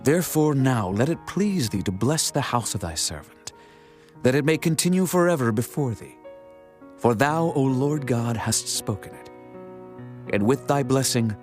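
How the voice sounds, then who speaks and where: A man's voice: mid-range voice, animated, measured pace, a little mellow, lightly acted. A man playing a humble, reverent king at earnest prayer in a dramatized scripture reading. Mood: earnest pleading. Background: music.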